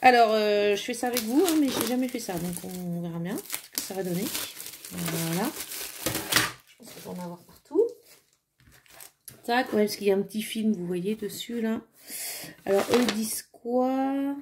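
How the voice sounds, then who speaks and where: A woman's voice: mid-range voice, normal speed, pauses often, noisy background. A woman chatting casually at home while assembling a craft kit, thinking aloud with fillers and small "tac" sounds. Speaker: crafting vlogger. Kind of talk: casual hands-on crafting chat.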